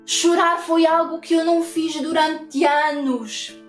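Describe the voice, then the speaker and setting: Woman, European Portuguese accent, high-pitched, repeats herself earnestly in a testimony; roomy sound with quiet music bed. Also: steady tone, takes it slowly. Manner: earnest, repetitive storytelling with tag questions. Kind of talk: personal faith testimony.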